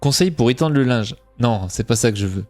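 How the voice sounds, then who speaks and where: A man's voice: mid-range voice, lively intonation, fairly quick, darkish tone, soft background music. A young man from Franche-Comté with a faint Franc-Comtois French accent, chatting casually with his stream chat and mocking himself. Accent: slight Franc-Comtois French.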